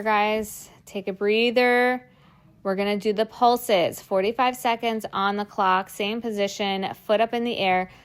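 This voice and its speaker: Encouraging woman coaching a workout. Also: mid-range voice. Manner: encouraging, cueing moves while exercising. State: strained, working out while talking. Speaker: fitness instructor. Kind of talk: workout class instruction.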